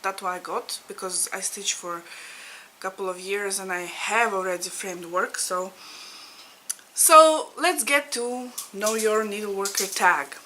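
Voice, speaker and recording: A woman's voice: mid-range voice, unhurried, pushed and bright, slight background noise, poor audio. A woman in her thirties from Latvia, a native Russian speaker, chatting casually to camera as a needlework vlogger, laughing often and searching for words. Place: home in Ireland.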